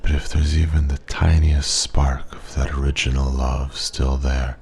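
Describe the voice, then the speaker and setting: A man playing a wise, regretful old man at a pub, a soft-spoken old sage giving slow, gentle advice in an ASMR ASMR role-play. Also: extremely low pitch, level tone, gravelly, heavily acted. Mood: earnest, tender. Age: older.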